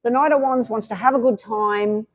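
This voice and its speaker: A woman's voice: fairly high pitch, steady tone, normal speed, no echo, low-quality recording. A woman giving tarot readings on a live stream, chatty and meandering, with many fillers. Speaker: tarot reader.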